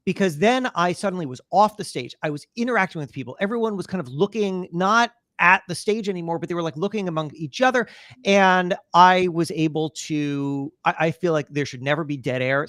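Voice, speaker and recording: As a guest in an interview, this man spins his stories casually and brings the dialogue to life with animated impressions. He speaks at a fairly high pitch, and the studio recording is clean with no echo.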